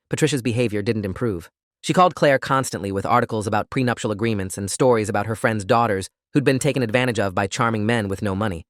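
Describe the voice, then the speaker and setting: Fast-reading low-voiced man, dry and close. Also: no echo. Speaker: narrator. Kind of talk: scripted first-person story narration.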